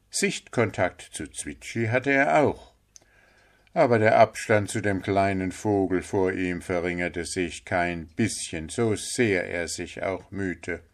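A male storyteller reads a children's tale in an unhurried, even manner. His voice sits on the low side, and he takes his time with each phrase. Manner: calm, measured reading. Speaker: narrator. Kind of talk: storybook narration.

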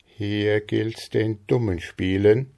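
A man's voice: lowish voice, steady tone, takes it slowly, gravelly, dark tone. A man voicing an honest but shrewd young peasant lad, talking plainly while playing the simpleton, in an audiobook. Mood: feigned naive. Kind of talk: audiobook character voice.

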